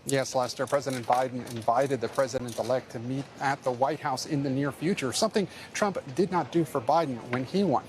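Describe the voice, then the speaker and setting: A man's voice: mid-range voice, fairly quick, hardly any pauses. A man giving a live television news report as a correspondent outdoors. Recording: outdoor live shot, faint street noise.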